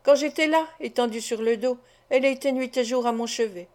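A brutal, gruff male robber from a storybook, harsh and bullying, barking orders and threats, as a woman narrator reads him. His voice is loud and pushy, set a little higher than a man's usual. It is read aloud in a fairly high register. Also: a little fast, natural voice. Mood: grumbling.

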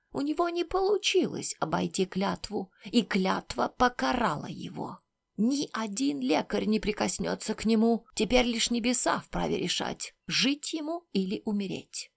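A woman reading the part of a stern male court official who lectures in a creaking voice. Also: mid-range voice, animated, moderate pace.

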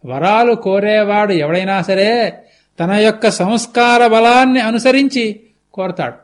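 A man with a notably high voice delivers a spiritual discourse for television. He narrates a scripture story step by step and stops now and then to explain words and add chatty remarks. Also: unhurried. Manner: explanatory storytelling with conversational asides.

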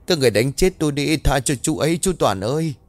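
A man's voice: on the high side, expressive, fast, dry recording, voice pushed up, lightly acted. A man voicing a young servant girl who pleads and cries out in grief. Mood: anguished.

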